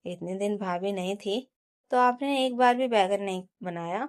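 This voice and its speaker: A woman's voice: mid-range voice, moderate pace, clear, resonant tone, natural voice. A woman voicing an outspoken college-age daughter. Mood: reproachful. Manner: outspoken, reproachful. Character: young college-going daughter, fair-minded and outspoken.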